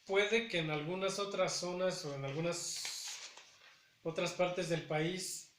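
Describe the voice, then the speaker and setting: A man's voice: high voice, steady tone, slow pace, reverberant, background noise. A man teaching a language lesson, carefully repeating each word with hesitant fillers between phrases. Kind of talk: slow spoken language lesson.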